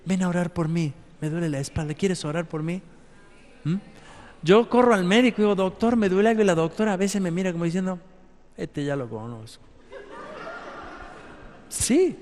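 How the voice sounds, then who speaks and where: Pastor, hombre, tono algo alto, sermón enfático; sala con eco largo y música suave de fondo. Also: male voice, a little high, darkish tone, in a large hall. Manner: emphatic, addresses the congregation directly. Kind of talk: sermon.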